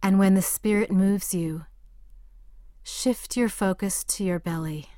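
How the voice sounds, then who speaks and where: A woman guiding a meditation in a soft, calm voice that sometimes drifts into a whisper. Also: mid-range voice, unhurried, no echo, studio quality. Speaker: meditation guide. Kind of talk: guided meditation.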